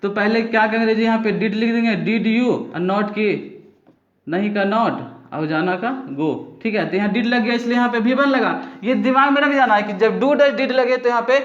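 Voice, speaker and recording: A man's voice: high-pitched, moderate pace. A man with an Indian accent, a Hindi speaker, teaching English grammar step by step and often checking with the listener. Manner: explains step by step with frequent "है ना" checks. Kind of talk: spoken grammar lesson. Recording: echoey, dull lo-fi room recording.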